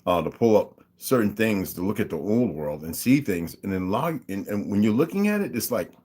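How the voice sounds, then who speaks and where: A man hosting his own channel talks through his views in a casual monologue, his lowish voice sing-song, fairly quick and a little mellow with a breathy edge. He throws in emphatic, mocking interjections, reads figures aloud and asks listeners to follow along.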